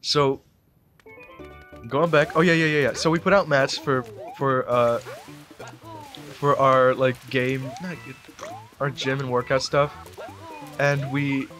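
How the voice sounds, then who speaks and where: A man rambling through casual gameplay commentary, excitable, with sudden yelps and outbursts. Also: mid-range voice. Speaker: gamer doing a Let's Play.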